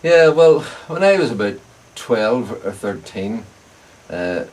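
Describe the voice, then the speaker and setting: Deep-voiced older Ulster man, distantly miked. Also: big pitch swings, takes it slowly, darkish tone. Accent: Northern Irish, Ulster. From Northern Ireland. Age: older, around 70 or above. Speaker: bicycle frame builder and veteran club racing cyclist being interviewed. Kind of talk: casual reminiscing interview answers. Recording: distant mic, clear background noise.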